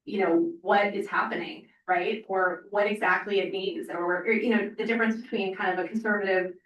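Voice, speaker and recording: A woman's voice: medium pitch, fairly even intonation, brisk, a bit bright, muffled recording. A woman speaking on a panel as a parent organizer, earnest and rambling with many fillers, audibly emotional. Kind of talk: panel discussion. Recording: echoey room, from far off.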